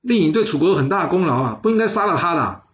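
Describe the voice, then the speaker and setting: A man's voice: medium pitch, a little fast, natural voice. A man voicing a brave, loyal warrior who speaks with earnest conviction, recorded with slightly dull audio. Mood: protesting. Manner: earnest protest, then calm and resigned.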